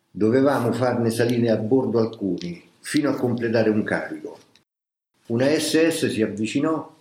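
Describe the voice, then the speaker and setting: A man reading a memoir aloud as scripted audiobook narration, in a slow, grave, measured way. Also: lowish voice, warm tone. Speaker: reader of a memoir. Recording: roomy echo.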